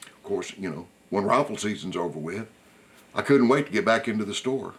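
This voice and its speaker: A man's voice: fairly low pitch, brisk. A man hosting a hunting show, telling a story in a casual, folksy way and repeating himself as he talks to his viewers. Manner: animated, repetitive, folksy asides to the audience.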